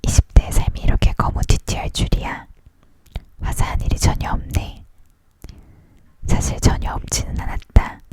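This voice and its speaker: Hushed whispering ASMR book reader, leaning in. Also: normal speed, pauses often. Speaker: storyteller reading a book aloud. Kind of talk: whispered ASMR reading of a novel.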